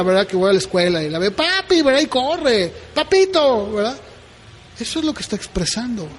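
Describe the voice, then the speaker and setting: A man's voice: very high-pitched, a little hiss or hum. A middle-aged man, preaching a sermon as pastor in a conversational way, often checking in with "¿verdad?". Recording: long reverb of a hall.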